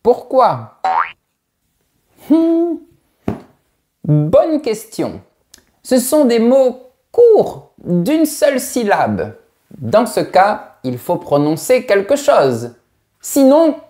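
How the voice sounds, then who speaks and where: A man's voice: very high-pitched, dark tone, pitched above the performer's own voice, heavily acted. A man voicing a pompous elderly male creator of the French language, talking in a grand, formal, lecturing way. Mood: indignant. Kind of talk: comic teaching sketch.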